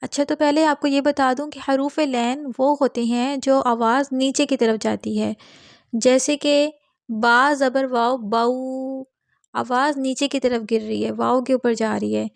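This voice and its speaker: A woman teaching Quran reading, explaining patiently and spelling out each letter slowly, repeating every drill twice. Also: high-pitched, fairly even intonation, creaky, a little mellow, dry recording, clean studio sound. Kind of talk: step-by-step recitation lesson.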